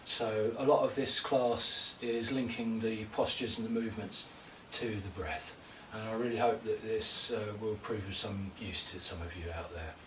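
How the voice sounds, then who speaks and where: Gentle male yoga teacher in a roomy space. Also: fairly low pitch, a little hiss or hum. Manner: slow, gentle, calm cueing of breath and poses. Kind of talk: guided yoga class instruction. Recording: roomy echo, distant mic, faint ambience.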